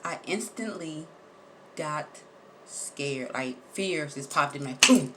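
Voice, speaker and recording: Woman vlogging a story, lowish voice, real animated, repeats herself for emphasis, cusses casually. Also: slow pace, background noise. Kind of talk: personal storytelling to viewers.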